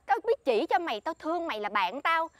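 A woman's voice: high-pitched, big pitch swings, fairly quick, no room sound. An actress with a Southern Vietnamese accent playing a boastful, scheming friend who bossily lectures another woman. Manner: bossy, showy, lectures her friend. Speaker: actress in a comedy sketch.

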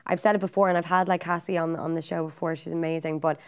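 A young Irish woman hosts an interview, asking long, chatty questions full of fillers. Her voice is smooth and clear and sits a little low. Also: level tone, quick pace. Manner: friendly, talkative questioning with many fillers. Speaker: podcast host. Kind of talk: casual interview chat.

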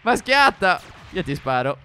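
A young man co-hosting a gaming channel, trading loud exclamations and teasing in excited co-op play. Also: sits high, a little slow, smooth. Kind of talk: excited co-op gameplay banter.

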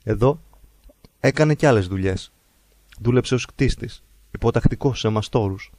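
A man reads a life story in a slow, measured, reverent way. His voice is mellow and dark, and the sound is dry and close with no room echo. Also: medium pitch. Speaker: narrator. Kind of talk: calm biographical narration of a holy man's life.

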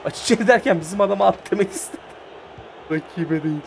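A young man giving excited play-by-play as he plays a football video game, urging his players on and swearing when chances slip away. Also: high voice, fast, vocal fry, slight background noise. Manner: animated, shouts at players, swears in frustration. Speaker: gaming YouTuber. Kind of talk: excited gameplay commentary.

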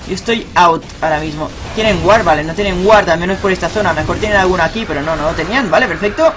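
A young man giving live, excitable commentary on his own ranked game, swearing and cheering at big plays. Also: high voice, fast talker, music in the background. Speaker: gaming streamer.

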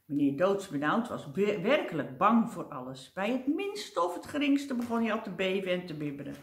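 A woman's voice: mid-range voice, normal speed, echoey room. Older woman reading a children's story. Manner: gentle and expressive, with the odd slip.

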